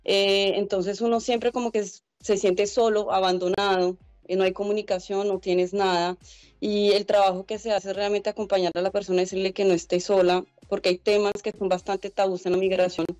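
Her mid-range, slightly mellow voice stays fairly level and quick as this young Colombian woman, who leads a migrant organization, answers interview questions from home. Speaking through a laptop webcam on a video call, she is earnest and explanatory, with frequent "eh" and "pues" fillers. The recording is dry, with soft music in the background.

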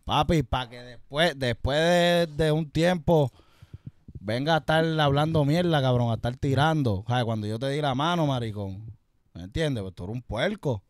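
A man's voice: medium pitch, normal speed, no room sound. A young man with a Puerto Rican accent, a guest who rambles and swears a lot in casual chat. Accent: Puerto Rican Spanish. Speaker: guest rapper.

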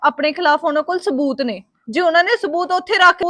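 Woman doing a young Punjabi woman, Punjabi accent, high voice, mocking, sharp-tongued. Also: fairly quick.

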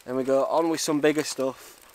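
A man's voice: medium pitch, steady tone, brisk, darkish tone, a little hiss or hum. A man in his thirties with a Northern English accent, chatting casually for a camping vlog and muttering asides as he works outdoors. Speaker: wild camping vlogger. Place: outdoors in woods by a ruined brick building.

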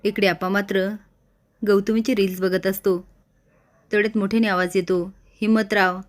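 Brief: woman narrator briskly recapping a TV serial episode and voicing its dialogue. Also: medium pitch, little pitch movement. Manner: brisk retelling, voices the dialogue. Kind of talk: casual story recap narration.

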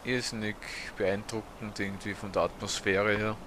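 A man's voice: on the low side, little pitch movement, normal speed, background noise. A man, casually commentating a video game as a let's play host, hesitant and full of fillers. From Austria. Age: 30s. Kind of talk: gameplay commentary.

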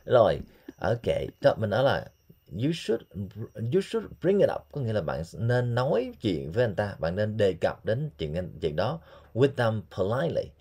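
A man, teaching English phrases and repeating examples slowly. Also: lowish voice, big pitch swings, darkish tone. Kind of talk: explaining English phrases in Vietnamese.

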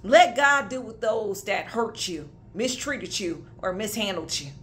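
A woman's voice: mid-range voice, expressive, a little slow, fairly bright tone. A woman, preaching a prophetic sermon with emphatic conviction and casual asides. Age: 30s. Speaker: minister.

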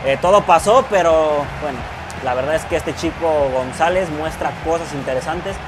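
A young man with a Mexican accent commenting casually on his own football video game match, excitable, swearing and yelling when goals go in. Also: a little high, moderate pace, background noise. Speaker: gaming youtuber. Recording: loud music behind the voice.

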